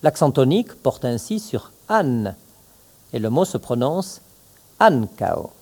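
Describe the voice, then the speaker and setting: A man teaching pronunciation in a recorded lesson, saying each word slowly and with clear, stressed syllables. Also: mid-range voice, very animated, dark tone. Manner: slow, carefully articulated, stresses syllables. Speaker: language teacher.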